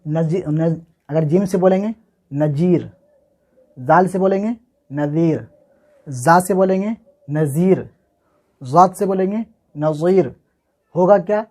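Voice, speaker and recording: His voice sits high with a darkish tone and is slightly raised as this man from Bihar, India, teaches Urdu handwriting in a casual lesson. He works letter by letter through each word, repeating it slowly over and over and answering the questions he asks.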